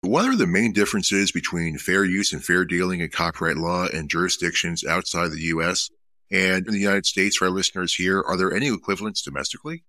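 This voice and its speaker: A man hosting an interview, reading measured questions and scripted narration. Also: low-pitched, bright, forceful tone, no echo. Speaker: interviewer and host.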